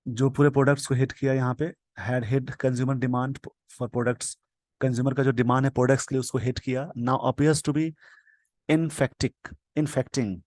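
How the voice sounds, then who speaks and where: A man's voice: medium pitch, steady tone, a little mellow, no room sound. Man explaining English vocabulary. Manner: reads English slowly word by word, then explains quickly. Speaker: teacher. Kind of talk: explaining an English newspaper editorial.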